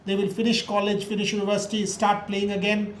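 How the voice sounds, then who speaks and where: A woman's voice: medium pitch, monotone, fast talker. Brief: woman, emphatic, given to rhetorical questions and repeated words, casual discussion, echoey room with faint noise behind. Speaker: cricket discussion host. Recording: roomy echo with faint noise.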